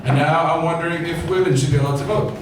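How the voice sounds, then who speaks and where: A man doing crude, irreverent open mic stand-up comedy with a deadpan joke delivery. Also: a little high, fast talker. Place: small basement comedy club with audience. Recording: very echoey room, distant mic, clear noise. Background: room ambience and noise.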